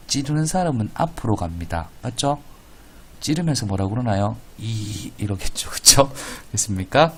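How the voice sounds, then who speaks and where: A man teaching grammar in a lecture, playful and corny, demonstrating vowel sounds and often checking with the class. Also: on the low side.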